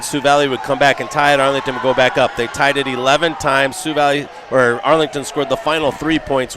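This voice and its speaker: A man of medium pitch gives measured color commentary in a school gym, working through stats in a steady way. Faint noise runs behind his voice. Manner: steady, reads stats methodically.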